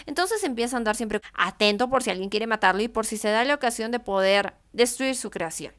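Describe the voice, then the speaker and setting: Brief: young woman, book vlogger, smooth clear voice, slightly high, chatty informal retelling. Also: lively intonation, brisk, a bit bright. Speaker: book reviewer. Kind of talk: casual book summary.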